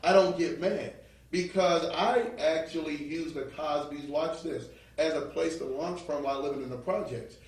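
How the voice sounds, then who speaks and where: A man's voice: a little high, normal speed. A man from New Orleans who sounds like a New Yorker, telling motivational stories in a preacherly, emphatic way and often checking that listeners follow. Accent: New York. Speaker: interview guest. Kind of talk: motivational storytelling in an interview. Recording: very echoey room, distant microphone.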